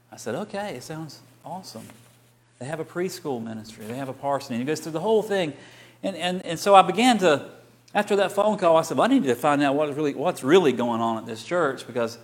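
A middle-aged man, a pastor telling a personal story in a conversational sermon, quoting other people in lively bursts. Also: a little high.

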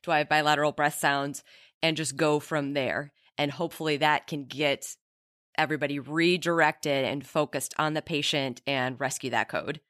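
Female ER doctor: methodical, very low voice, dry recording. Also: steady tone, normal speed, fairly bright tone, no room sound. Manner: methodical, lists steps in order. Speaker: emergency physician panelist. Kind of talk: panel discussion.

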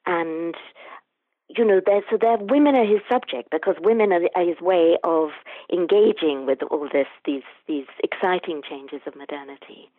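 A woman's voice: fairly low pitch, moderate pace, no room sound. A woman art historian answering interview questions thoughtfully, often restarting her phrases. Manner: thoughtful, with frequent restarts and hedging fillers. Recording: tinny phone line, dry.

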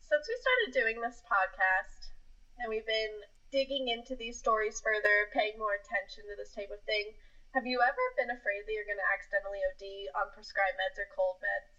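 A woman co-hosting a podcast in casual chat, blunt and quick to swear, laughing often. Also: medium pitch, steady tone, pushed and bright, highs cut off. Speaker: podcast co-host.

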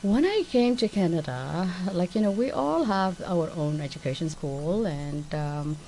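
A woman's voice: on the low side, animated, unhurried, mellow, slight background noise, low-quality recording. A middle-aged woman from Somalia, a community nurse, talking hesitantly with many fillers in a radio interview.

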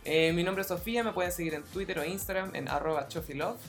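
A woman with a Chilean accent co-hosting a podcast, tossing in quick slangy jokes in casual chat. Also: fairly low pitch, faint music behind. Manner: joking, slangy, quick quips. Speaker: podcast co-host.

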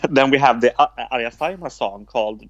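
A man co-hosting a podcast, talking in a measured way with short agreeing replies. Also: medium pitch, expressive, dry recording, muffled recording. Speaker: podcast co-host. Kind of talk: casual podcast chat.

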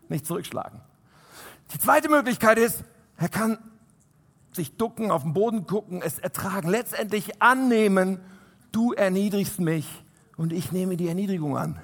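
A man preaching a sermon to a congregation. He is animated, swinging from loud emphasis to soft, quiet asides. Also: high voice, vocal fry, breathy edge. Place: church hall. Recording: long hall reverb.

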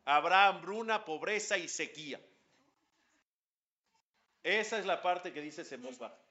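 A man leads a lively religious class, firing questions at his listeners and chanting lines of Hebrew prayer. His voice is bright and a little high. The recording is dull and lo-fi. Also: measured pace. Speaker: rabbi teaching a class.

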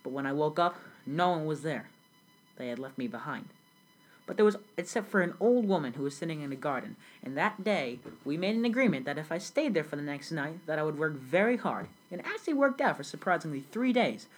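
In a school project role-play interview, a young teenage girl plays a grown immigrant recalling a village childhood in South Sudan, her voice low for her age and husky with a breathy edge. She reads from a script, earnest and steady and a little fast, on a low-quality recording.

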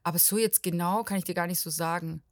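A young woman from Portugal, a talkative and lively podcast guest chatting casually and laughing often. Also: lowish voice, fast talker, no echo, clean studio sound. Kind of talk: casual chat.

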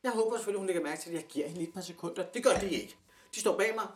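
Animated Danish male storyteller. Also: sits high. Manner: animated storyteller, acts out quoted people. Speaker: podcast co-host. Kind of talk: casual chat.

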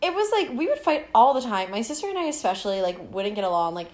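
A woman's voice: a little high, fast. Giggly young woman telling a story. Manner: giggly, animated, acts out voices in her stories. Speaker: podcast co-host. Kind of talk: casual chat, storytelling.

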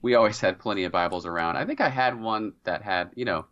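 A man's voice: on the low side, fast talker, a bit bright. A man co-hosting in a casual, conversational chat. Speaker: co-host. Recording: slightly dull, lo-fi microphone.

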